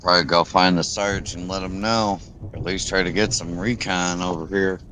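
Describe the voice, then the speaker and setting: A man's voice: sits low, fairly even intonation, fairly quick, sharp tone, a little hiss or hum. A man playing his character in a tabletop game, making dry, sardonic remarks with some swearing. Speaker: player.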